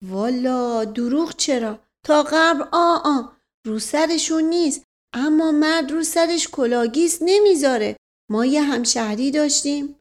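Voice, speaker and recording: A woman's voice: high voice, voice pushed up, lightly acted. Woman doing a folksy old male servant. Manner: folksy, drawn-out, repeats his stock phrase.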